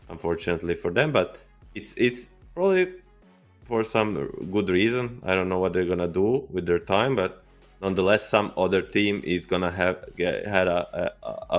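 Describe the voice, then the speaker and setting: A man co-casting a live esports match as analyst, weighing the odds in a thoughtful, halting way that restarts phrases. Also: low-pitched, soft background music.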